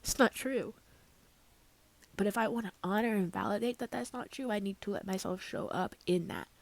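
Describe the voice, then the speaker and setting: A woman's voice: mid-range voice, fast, vocal fry, darkish tone. A woman talking casually and emotionally in a personal vlog, tearful and full of fillers. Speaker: vlogger.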